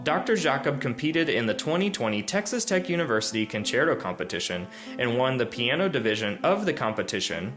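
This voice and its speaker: A male host introduces the program and then puts questions to a guest, with some hesitant fillers. His pitch moves a lot, and soft music plays faintly behind him. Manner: lively intonation, hesitant fillers when asking. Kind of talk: scripted intro and interview questions.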